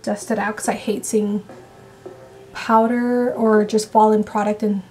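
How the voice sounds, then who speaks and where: A young woman chatting excitedly and quickly through a casual makeup vlog at home. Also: mid-range voice, faint music behind. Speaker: vlogger.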